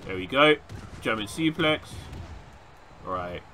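Bright, excitable young man gaming. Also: on the low side, measured pace, a little hiss or hum. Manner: animated, reacting loudly with frequent laughs and yelps. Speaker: gaming YouTuber. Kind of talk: excited let's-play commentary.

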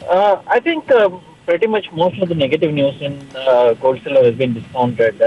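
A man's voice: mid-range voice, moderate pace. A man, a commodity analyst answering on live TV, hesitant, with many fillers and restarts. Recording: tinny phone-like line.

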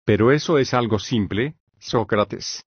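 A man's voice: medium pitch, measured pace, slightly rough, dry recording, highs cut off. A male reader voicing Menón, a young disciple who gives short, plain replies in a scripted audiobook. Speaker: dialogue character in an audiobook.

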